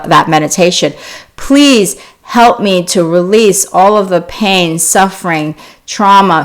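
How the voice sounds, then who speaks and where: A woman born in South Korea, hosting a wellness live stream, chatting casually and answering viewers' questions with frequent restarts. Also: on the low side. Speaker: wellness channel host.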